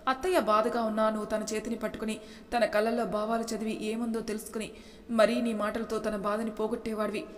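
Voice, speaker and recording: A woman's voice: fairly high pitch, level tone, a little fast, close to an everyday voice. A woman voicing a feisty young wife who answers back boldly, in a storybook reading. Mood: persuasive. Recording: echoey room with long reverb.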